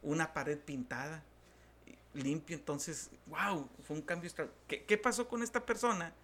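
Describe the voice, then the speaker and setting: Man, pastor, northern Mexican accent, slightly high voice, animated storyteller, interview. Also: normal speed. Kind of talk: telling stories in a talk-show interview.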